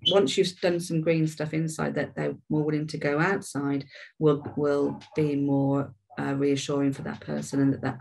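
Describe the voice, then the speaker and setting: A woman's voice: low-pitched, gravelly, a little mellow, breathy edge. A woman hosting a care webinar, talking in a conversational way with frequent restarts and repeated words. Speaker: webinar host and care trainer. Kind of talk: informal webinar talk.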